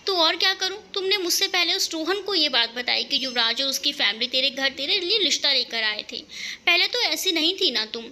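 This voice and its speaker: A woman's voice: high voice, brisk, pushed and bright. A woman voicing a sulky young woman who reproaches her best friend out of jealousy in a romantic audio story.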